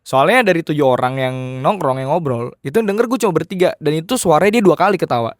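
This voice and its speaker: A man's voice: a little high, animated, quick pace, no echo, studio quality. A man telling a horror story in a casual podcast chat.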